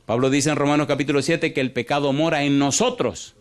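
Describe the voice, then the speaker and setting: A man preaching a sermon as pastor, animated, quizzing the congregation with repeated yes-or-no questions and swinging between rushed and drawn-out delivery. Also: a little high. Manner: animated, shifts pace from fast to drawn out.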